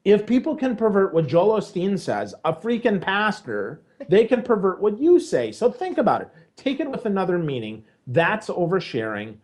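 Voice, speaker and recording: Male podcast co-host, slightly high voice, emphatic and blunt, lecturing tone. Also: huge pitch swings, moderate pace, few pauses. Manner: emphatic, lecturing, jumps between loud and low. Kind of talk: casual podcast chat.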